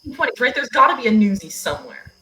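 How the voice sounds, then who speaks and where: A woman's voice: fairly high pitch, sing-song, quick pace, pushed and bright, low-quality recording. A woman playing a tabletop game casually, with a wry, teasing manner. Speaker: player.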